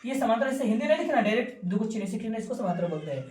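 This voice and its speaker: A woman's voice: fairly high pitch, very animated, very fast, darkish tone, a little hiss or hum. A woman teaching a maths class, repeating key terms and quizzing her students. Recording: roomy classroom from a distance.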